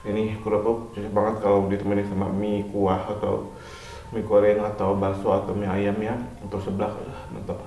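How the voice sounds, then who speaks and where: A man's voice: fairly low pitch, completely flat delivery, moderate pace, dark tone, reverberant, far from the mic, a little hiss or hum. A man hosting a mukbang, chatting casually and eagerly about the food with his mouth full, chewing as he talks. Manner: chatty, enthusiastic about the taste. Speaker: mukbang host. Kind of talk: casual food review to camera.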